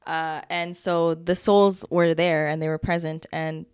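A woman's voice: sits low, level tone, a little slow, smooth, dry recording, clean studio sound. A young woman co-hosting a casual podcast, rambling with lots of fillers and frequent giggles. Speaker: podcast co-host. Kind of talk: casual chat.

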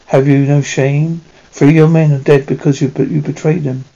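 A stern, contemptuous army major in a war story, acted by a man. He speaks curtly in a mellow, gravelly voice on a dull recording. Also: a little high, flat delivery, moderate pace. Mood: scornful. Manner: curt, scornful.

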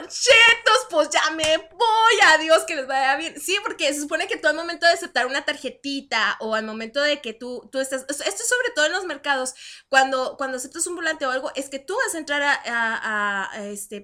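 A woman from Chihuahua with a northern Mexican accent, telling lively anecdotes in casual chat and laughing often. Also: sits high, fairly quick. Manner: animated, laughs often while telling anecdotes, acts out dialogue.

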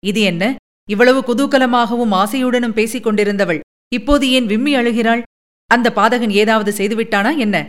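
A woman's voice: fairly high pitch, moderate pace, lightly acted. A woman voicing a proud older king who mutters bitterly to himself in rage. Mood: alarmed. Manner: bitter, muttering inner speech. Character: proud older male king, seething with fury.

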